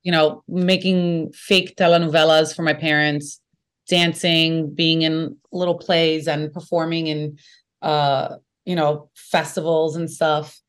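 Animated Brooklyn-accented woman. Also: sits low, slow pace. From Brooklyn, New York. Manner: animated, jokey, lively storytelling. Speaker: actor and guest. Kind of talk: casual interview chat.

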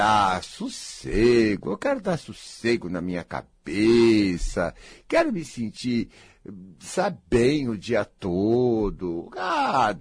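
A man speaks in a husky, slightly breathy voice that rises and falls a lot as he teases his listeners. He keeps asking rhetorical questions and mocks everyday complaints. The sound is dry and close. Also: medium pitch, dry recording. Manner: animated, teasing, mocking others' complaints. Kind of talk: motivational monologue.

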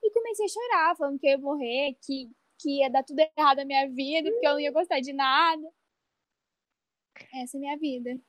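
A woman's voice: sits high, brisk, no echo. A young woman co-hosting a casual podcast chat, telling an anxious, self-mocking story about her fears. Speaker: podcast co-host.

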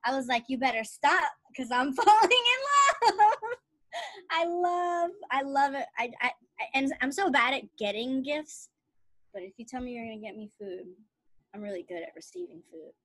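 A woman in her thirties chatting on a podcast in a bubbly, giggly way. Her voice sits a little high. The sound is dry and close, with no room echo. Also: expressive, moderate pace, fairly bright tone. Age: 30s. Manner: giggly, bubbly storyteller who laughs often. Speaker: podcast co-host. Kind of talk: casual chat.

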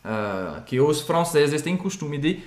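A man's voice: fairly high pitch, sing-song, darkish tone. Man drilling pronunciation, echoey room. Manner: repeats words slowly for pronunciation. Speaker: French co-teacher. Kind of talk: pronunciation coaching in Portuguese.

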